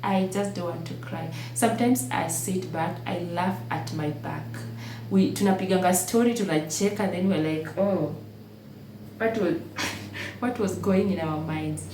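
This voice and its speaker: A woman's voice: on the low side, a little slow, recorded from a distance. A young Kenyan woman telling her own life story to the camera, emotional and repeating phrases for emphasis. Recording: echoey room, voice a bit off-mic, faint background hum.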